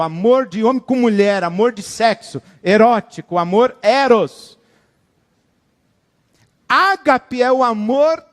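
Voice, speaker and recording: A man preaching a sermon with animated, dramatic delivery, acting out the people he quotes. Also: extremely high pitch, long reverb tail. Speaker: pastor.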